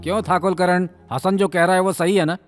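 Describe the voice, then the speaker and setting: Male voice for a calm judge, even and inquisitive, light music behind. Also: sits high, fairly quick, no echo, studio quality, lightly acted. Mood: measured. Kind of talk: Hindi film dub.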